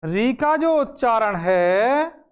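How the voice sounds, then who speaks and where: A man teaching a grammar lesson, dictating slowly, repeating phrases and asking questions he then answers himself. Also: very high voice, animated, clean tone, dull audio. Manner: slow, repeats phrases for note-taking, asks and answers own questions.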